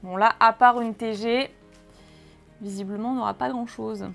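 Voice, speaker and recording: Bubbly high-voiced woman unboxing cards. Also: steady tone, gravelly, soft background music. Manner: gushing, exclamatory, lists card names quickly. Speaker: card-opening video host. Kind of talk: excited casual card unboxing.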